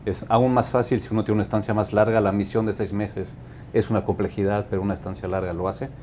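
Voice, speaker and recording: Appearing as a guest, a company director from Mexico, aged in his fifties, gives interview answers with frequent restarts, thoughtful and measured without rushing. He has a deep, dark, mellow voice and keeps a level tone. Under the audio there's a faint low rumble.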